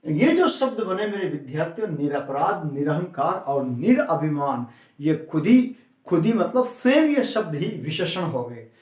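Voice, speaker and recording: A grammar teacher whose voice sits a bit high and a little mellow puts questions to the class and answers them himself. He stresses key words firmly, repeating them and drawing them out slowly, and the room has noticeable echo.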